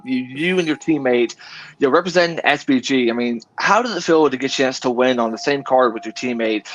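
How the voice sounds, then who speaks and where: A man's voice: medium pitch, a bit bright. Male host, rambling, stumbles a lot, muffled lo-fi sound. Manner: rambling, stumbling over words. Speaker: interview host. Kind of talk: casual interview. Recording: dull lo-fi audio.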